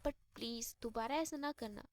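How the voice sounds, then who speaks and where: A woman's voice: fairly high pitch, normal speed, dry recording, studio quality, close to an everyday voice. Woman voicing a playful, teasing young woman.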